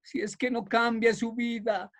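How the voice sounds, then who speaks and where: A man preaching a sermon in an emphatic way, building up to fervent shouting. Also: very high-pitched, little pitch movement, unhurried.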